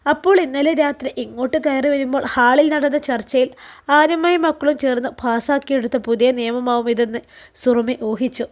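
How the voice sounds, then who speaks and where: A woman narrating a serialized family story in a steady, emotive reading. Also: high-pitched, normal speed.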